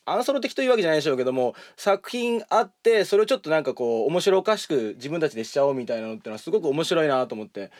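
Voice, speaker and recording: A male voice actor giving a relaxed, rambling cast commentary after a recording session. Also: fairly high pitch, no echo, studio quality.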